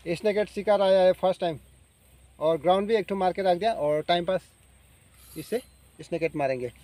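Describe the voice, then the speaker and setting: A young man narrates his fishing trip in a chatty, high voice, talking straight to his viewers. He is outdoors beside a rural pond and speaks into a handheld camera. His delivery is relaxed vlog chat. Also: brisk, dry recording. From Assam, India. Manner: chatty, addresses viewers directly. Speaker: fishing vlogger.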